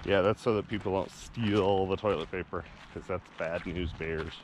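A man with a lowish voice chats in a loose, upbeat way with fillers as he shows off a pit toilet. His words ring back off the bare walls of a small echoey restroom, with faint noise behind. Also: fairly even intonation, moderate pace. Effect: hard echo of a small restroom. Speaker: RV travel vlogger. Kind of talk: casual walking tour.

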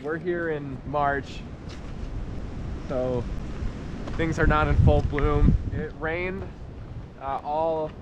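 A man's voice: a little high, fairly even intonation, very slow, pauses often, lo-fi sound. An easygoing man chatting casually while hiking a wooded trail outdoors. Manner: easygoing, laughs along. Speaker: hiking vlogger. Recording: loud wind noise on the mic.

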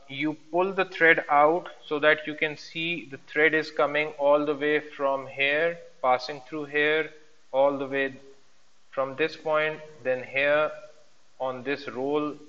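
A man's voice: on the high side, pushed and bright. A man giving step-by-step practical instructions as a teacher, mixing two languages as he demonstrates. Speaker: sewing instructor. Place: indoor workroom at a sewing machine. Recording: dull, reverberant room sound.

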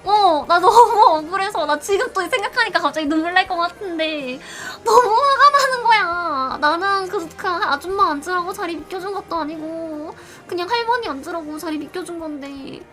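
A young woman streamer telling a personal story in casual, animated chat. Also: extremely high pitch, normal speed, hardly any pauses. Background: faint music.

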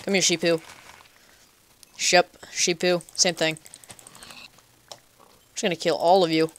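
A man's voice: fairly high pitch, flat delivery, slow pace, fairly bright tone. A man giving casual, chatty let's play commentary, talking to himself playfully and making up goofy nicknames for animals. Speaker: gaming channel host.

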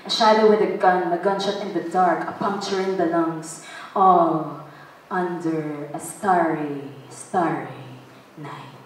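A young woman performs spoken-word poetry at a stand mic, her slow, dramatic lines sometimes rising to shouts. Her voice sits a little low and carries through a very echoey hall, picked up from a distance with faint ambience behind. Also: steady tone, noisy background. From Philippines. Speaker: performance poet. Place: stage in a large hall. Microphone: stand mic, filmed from a distant camera.

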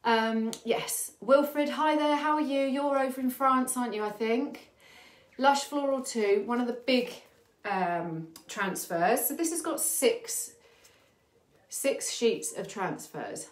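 A woman's voice: on the high side, slow pace. A British woman hosting a live furniture-painting stream, out of breath and chatty, greeting her viewers by name. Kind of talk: live demo chat with viewers. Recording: echoey room.

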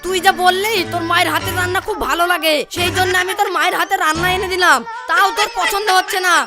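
A woman playing a sharp-tongued young housewife who scolds her servant. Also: extremely high pitch, steady tone, loud music behind the voice. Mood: angry. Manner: scolding, fast.

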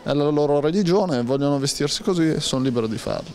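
A man's voice: a little high, quick pace, darkish tone, a little hiss or hum. A man in his twenties answering casually into a handheld mic on a town street. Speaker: street interviewee. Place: outdoors on a town street by a shop awning. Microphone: handheld interviewer mic.

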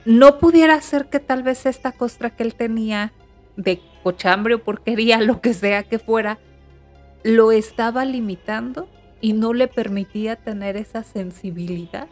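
A woman's voice: fairly high pitch, unhurried, a little mellow, faint music behind. A woman, co-hosting a podcast, chatting and offering thoughtful theories. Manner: reacts with short interjections and musing theories. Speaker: podcast co-host. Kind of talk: casual chat.

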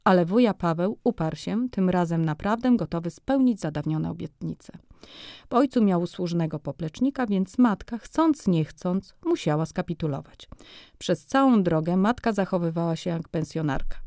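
A woman reading a novel excerpt aloud in a measured, even storytelling manner, recorded in a radio studio. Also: on the low side, dry recording. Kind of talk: scripted literary narration.

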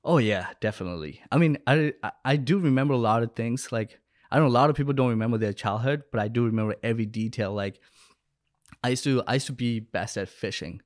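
Speaking quickly in a medium-pitched voice, a young Bangladeshi business owner and coach tells casual stories while being interviewed as a podcast guest. There's no room sound, since he sits close to a podcast microphone with a headset, indoors at home or in a studio.

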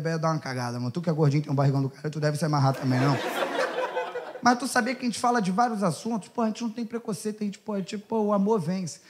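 Brash, fast-talking Carioca comedian. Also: male voice, high voice. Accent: Carioca Portuguese. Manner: brash, profane, teasing the crowd. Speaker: stand-up comedian. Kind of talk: stand-up set with crowd work. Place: comedy club stage. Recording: live club crowd laughter and noise.

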